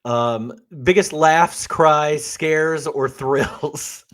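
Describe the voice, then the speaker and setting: A man's voice: on the high side, very slow, a bit bright. A man co-hosting a podcast, chatting casually about a movie and laughing readily. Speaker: podcast co-host. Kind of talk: casual film discussion.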